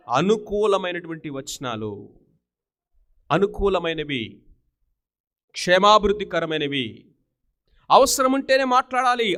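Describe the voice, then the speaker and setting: A man's voice: high-pitched, bright, forceful tone. A man preaching a sermon, asking his listeners rhetorical questions and mixing English words into his talk.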